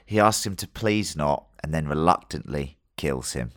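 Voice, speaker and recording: A man with an extremely deep voice, captured dry. He co-hosts a casual review chat, feeling his way through each thought in a matey, jokey, sweary manner. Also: animated, moderate pace, fairly bright tone, dry recording. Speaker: podcast co-host.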